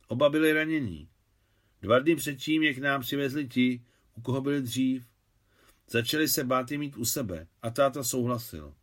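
A man reading aloud plays a shy young working-class woman who speaks plainly and artlessly. Her voice sits at an ordinary pitch for him in this storybook reading. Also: a bit bright, natural voice.

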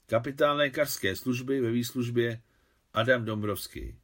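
A man voicing a brisk, commanding woman, a general's wife, who speaks in a loud, commanding tone. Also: medium pitch. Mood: reassuring.

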